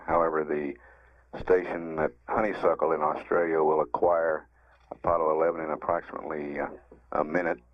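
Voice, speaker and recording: Deep-voiced American space mission announcer. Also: male voice, flat delivery, fairly quick, no room sound. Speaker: mission control public affairs announcer. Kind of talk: mission status commentary. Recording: dull 1960s broadcast recording.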